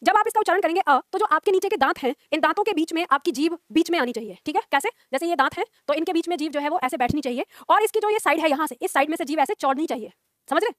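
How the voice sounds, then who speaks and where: A woman's voice: sits high, expressive, racing, a bit bright, dry recording, studio quality. A young woman teaching a Hindi class, explaining pronunciation patiently, repeating points and drilling sounds aloud.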